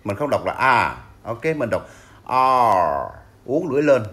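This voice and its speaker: A man with a Vietnamese accent teaching English pronunciation, slowly drilling words and repeating them for learners to copy. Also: mid-range voice, animated, darkish tone.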